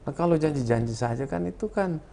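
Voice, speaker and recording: A man's voice: fairly high pitch, expressive, fast talker, creaky, dark tone, slight background noise. Earnest man lecturing on politics. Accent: Indonesian from South Sulawesi. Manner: earnest, lecturing, lists points one by one. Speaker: political party campaign official, guest. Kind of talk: political talk show discussion.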